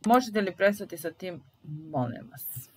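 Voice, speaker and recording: A woman teaching a German lesson, saying sentences aloud and repeating each one slowly and carefully. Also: fairly low pitch, lively intonation, slight background noise, rough recording. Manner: slow, deliberate repetition of phrases.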